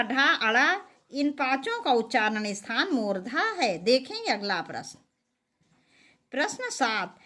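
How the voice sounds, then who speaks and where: A woman's voice: high voice, fairly bright tone. A woman teacher reading out exam questions and their answer options, then explaining each answer. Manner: reads options slowly, then explains with stressed syllables. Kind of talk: exam quiz lesson.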